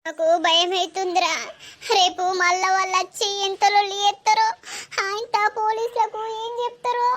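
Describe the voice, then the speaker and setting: A woman voicing a frightened young bride in an animated drama, pleading and tearful, with a Telangana Telugu accent. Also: very high voice, moderate pace. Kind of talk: animated village drama voice acting.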